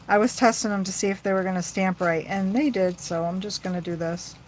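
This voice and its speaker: A middle-aged woman with a mid-range voice rambles chattily to her viewers while working on a crafting livestream. The audio is poor, with a little hiss or hum.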